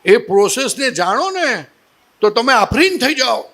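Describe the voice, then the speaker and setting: A high-pitched male voice carries this satsang talk, spoken with a Gujarati accent. He teaches through funny everyday stories and keeps putting questions to his listeners. His delivery is lively and full of play. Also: measured pace. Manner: humorous, animated storytelling with rhetorical questions. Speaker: spiritual teacher.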